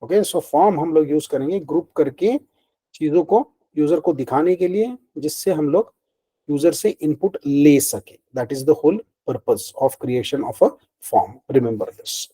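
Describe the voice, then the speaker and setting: Male coding instructor, warm mellow tone, chatty, answers his own questions. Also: a little high, slow, husky, poor audio. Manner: mixes Hindi and English, asks and answers his own questions; conversational, frequent fillers like "ठीक है" and "ना". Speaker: programming instructor. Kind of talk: screen-recorded coding lesson.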